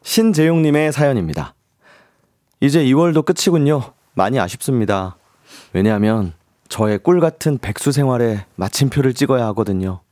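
A man's voice: mid-range voice, lively intonation, moderate pace, mellow, no room sound, studio quality. A man co-hosting a casual radio show who reads listener messages aloud and chats easily. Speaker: voice actor co-host.

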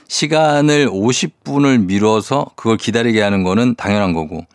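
Guy dj on morning radio, lowish voice, dry studio mic, chatty reading listener notes. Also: dry recording. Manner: chatty, reacts to messages with quick asides. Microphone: studio microphone.

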